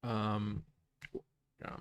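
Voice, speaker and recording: A man's voice: fairly low pitch, completely flat delivery, extremely slow, slight background noise. A man hosting a trading livestream, rambling through chart commentary while thinking aloud, with plenty of fillers and restarts.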